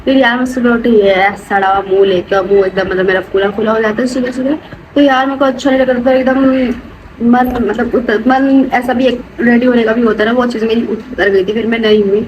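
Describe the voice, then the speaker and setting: A woman's voice: fairly high pitch, fairly even intonation, a little fast, lo-fi sound. Chatty young woman vlogging from her kitchen. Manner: rambling, talkative, peppers speech with "matlab" and "yaar". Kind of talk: casual chatty cooking vlog. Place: home kitchen. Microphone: phone. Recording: noisy phone recording with room ambience.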